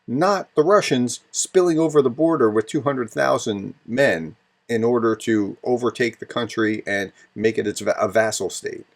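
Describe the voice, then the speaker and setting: A man's voice: medium pitch, vocal fry. A man hosting a channel who comments on news clips in a sarcastic, exasperated way.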